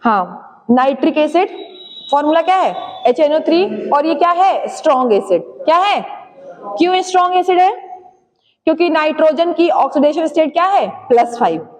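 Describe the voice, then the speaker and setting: A woman's voice: high voice, expressive. A woman teaching a chemistry class in speech, quizzing students, answering her own questions and dictating key points. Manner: urges students to write fast; slowly spells out key terms for dictation. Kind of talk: classroom lecture, dictating notes. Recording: long hall reverb.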